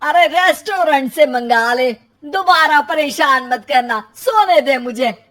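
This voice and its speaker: A woman's voice: high-pitched, lively intonation, slow pace, a bit bright, full character voice. A woman playing a lazy middle-aged mother-in-law in a cartoon, complaining and dismissive. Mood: irritated, sleepy.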